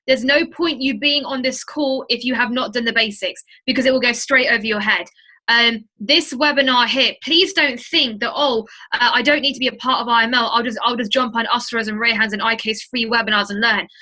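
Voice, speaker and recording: A woman who's a webinar host and trading mentor runs an informal online training session, speaking directly to her listeners in a chatty, emphatic way and urging them on. Her voice is on the high side, pushed and bright, and the recording quality is low.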